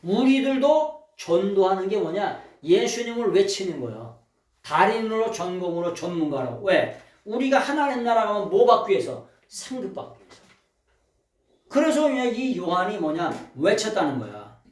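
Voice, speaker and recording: Male pastor, high and lively voice, sermon in a roomy church, a bit far from the mic. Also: moderate pace. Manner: preaching with call-and-response questions to the congregation; swings from loud shouting to quiet low asides. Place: church sanctuary.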